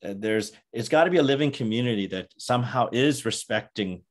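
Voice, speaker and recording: A man moderates an academic interview in a mid-range, animated voice. He speaks haltingly, often restarting and saying "uh."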